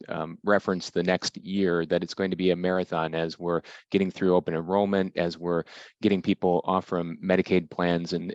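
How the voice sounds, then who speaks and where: Man, panel remarks, deep voice, lo-fi. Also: a little mellow, dry recording. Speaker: health insurance cooperative panelist.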